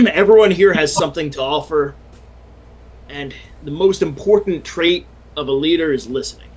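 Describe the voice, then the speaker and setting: A man voicing an earnest young superhero team leader, speaking in measured, in-character lines during a tabletop game. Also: on the high side, darkish tone, breathy edge, low-quality recording. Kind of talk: in-character tabletop role-play.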